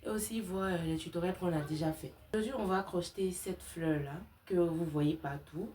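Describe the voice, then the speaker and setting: Speaking at a moderate pace in a lowish, somewhat mellow voice, a young woman chats her way through an informal crochet tutorial. By her own account she has a slight accent, as French isn't her only language. Her tone is friendly and colloquial, like talking to a girlfriend, full of casual tags.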